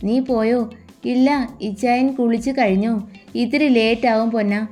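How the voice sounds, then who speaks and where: A doting young husband who teases and coaxes his bride, as a woman storyteller voices him. The voice sits a little high and mellow, with soft music faint behind it. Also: fairly even intonation, normal speed, natural voice. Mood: teasing, fond. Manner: playful, coaxing endearments. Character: affectionate teasing young husband.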